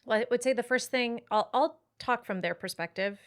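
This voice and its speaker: A woman talking as a money coach in a casual podcast conversation, animated, acting out her clients' voices and swearing casually. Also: on the high side, fairly quick.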